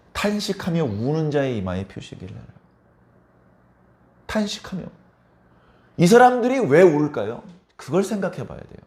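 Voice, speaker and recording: Middle-aged male pastor, emphatic preacher with a raised voice and a lively, swooping delivery that keeps prodding the flock with questions. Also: fairly high pitch. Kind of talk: sermon.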